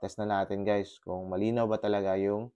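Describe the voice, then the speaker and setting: Sitting on his motorcycle outdoors in a subdivision, this Filipino motovlogger talks into the intercom headset in his helmet. His voice is on the low side, brisk, clear and resonant. In this casual tutorial vlog he shows how to pair his gear one step at a time, switching between Tagalog and English and filling his steady explanation with plenty of fillers.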